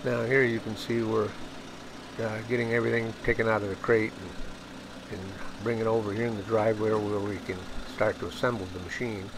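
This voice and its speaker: Fairly low in pitch and a little fast, this older man from the United States narrates a machine assembly how-to video. His delivery is plain and hesitant, full of fillers, and the outdoor recording carries steady background noise.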